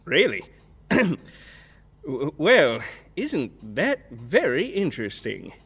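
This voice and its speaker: Smug, theatrical small-town mayor, swooping voice. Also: male voice, on the high side, wildly swooping pitch, a bit bright, husky, long reverb tail, full character voice. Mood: wary, probing. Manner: drawling, mock-genial, deliberate. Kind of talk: audio drama acting.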